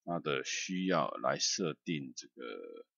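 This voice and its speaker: A man giving a loose, chatty software tutorial, filled with "ah" and "hao" fillers. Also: very deep voice, sing-song, takes it slowly, vocal fry, breathy edge, no room sound, lo-fi sound. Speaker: music software instructor. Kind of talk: screen-recorded software tutorial.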